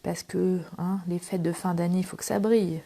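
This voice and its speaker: A woman's voice: lowish voice, normal speed, gravelly. Chatty French-speaking woman crafting. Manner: chatty, relaxed, thinks aloud with fillers. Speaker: crafting tutorial host. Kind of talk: casual step-by-step craft demonstration. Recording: faint background noise and clicks.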